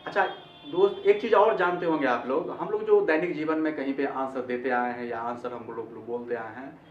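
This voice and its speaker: A man's voice: mid-range voice, a little fast, a little hiss or hum. Guy teacher going over english grammar, repeats stuff a lot, kinda dull muffled recording. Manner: explains in Hindi, repeats phrases, asks "ठीक है?". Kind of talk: online grammar lesson. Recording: echoey, distant, dull-sounding recording.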